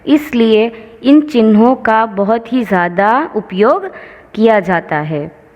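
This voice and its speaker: A woman teacher explains grammar with slow, patient care, going over every example. Her voice sits a little high. The sound is dull and lo-fi, with a long reverb trailing each word. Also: expressive. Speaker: school teacher.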